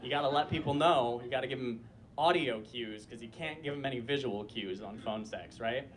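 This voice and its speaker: On a small club stage before a live audience, a young storyteller tells a comic personal story, chatty and packed with filler "likes" and frequent laughter. A friend once told him his voice sounds like a disappointed mom. Here it's medium-pitched and brisk, in a rough recording with slight background noise.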